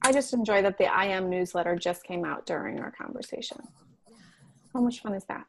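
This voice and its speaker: A woman's voice: mid-range voice, fairly quick, vocal fry, slight background noise. A woman moderating an online session on a video call, giving brief friendly remarks. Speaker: webinar host.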